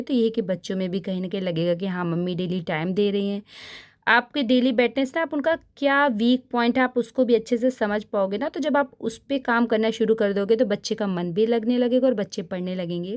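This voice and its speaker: A woman's voice: mid-range voice, a little mellow. A woman in her thirties, a working mother, giving a casual, chatty voice-over of her evening chores and often turning to practical tips for the viewer. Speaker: home vlogger. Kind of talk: casual voice-over narration of a daily routine.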